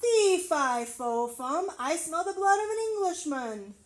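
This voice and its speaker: A woman's voice: very high-pitched, sing-song, a little slow, pitched above the performer's own voice, full character voice. A woman voicing a huge, hungry, menacing male giant from a storybook, chanting in a bellow.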